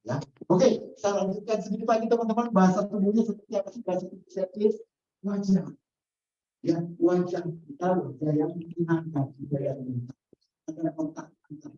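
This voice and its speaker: A woman's voice: mid-range voice, expressive, brisk, dark tone. A woman trainer giving a customer-service training lecture and quizzing the audience as she goes. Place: training hall. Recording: echoey, dull lo-fi room sound.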